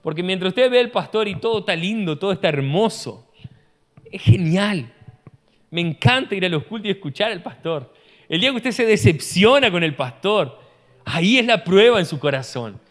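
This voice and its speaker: A man, a pastor preaching an animated sermon full of rhetorical questions, recorded in a church hall. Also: high-pitched, moderate pace. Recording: long church-hall reverb.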